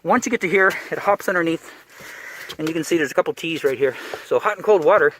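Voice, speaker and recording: A man's voice: fairly high pitch, fairly bright tone, slight background noise. A man, a plumbing contractor, giving a casual, rambling job-site walkthrough in a cramped attic, out of breath behind a mask. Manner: quick, rambling, with fillers and restarts.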